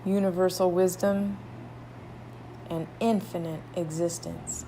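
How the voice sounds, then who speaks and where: A woman guides a meditation in a soothing, fairly low voice with mostly even intonation. She draws out her phrases and leaves long pauses between them, over a noisy background.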